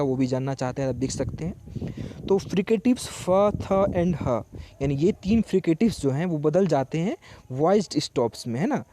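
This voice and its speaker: A man giving a lecture, reading English lines slowly and then explaining each one in Hindi. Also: mid-range voice, dark tone, a little hiss or hum. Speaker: teacher. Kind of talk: lecture explaining text line by line.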